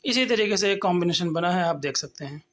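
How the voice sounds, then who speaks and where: A man teaching English pronunciation, explaining step by step and slowly sounding out example words. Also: high-pitched, animated, a bit bright. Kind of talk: lecture on phonetics.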